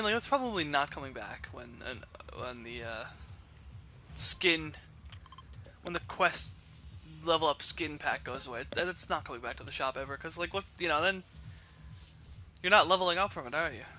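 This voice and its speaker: Chatty bright-voiced young man streaming. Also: a little high, a little hiss or hum. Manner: rambling, chatty, trips over words. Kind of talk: casual gameplay streaming.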